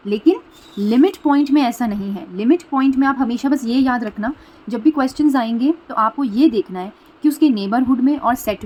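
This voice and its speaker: A woman maths teacher walks through a lesson at an easy, patient pace. She repeats each key idea and checks that listeners follow, slipping English terms into her explanation. Her voice sits a little higher than most women's. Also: darkish tone, dull audio. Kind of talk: explaining a math lesson at a board.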